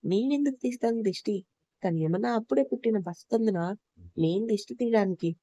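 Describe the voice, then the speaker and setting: A woman's voice: on the high side, lively intonation, fairly quick, dark tone, no echo. A woman voicing a feisty young heroine who talks back with mocking sarcasm. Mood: sarcastic.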